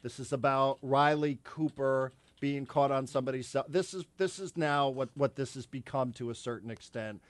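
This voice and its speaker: A man hosting a sports talk radio show from the studio, talking in an animated, rambling way with lots of repeated words. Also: medium pitch, moderate pace, few pauses, no room sound. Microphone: studio microphone.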